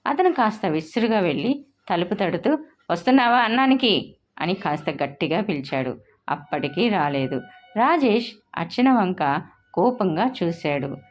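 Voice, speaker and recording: A woman narrating a story in an expressive, dramatic reading style. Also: lowish voice, normal speed, faint music behind.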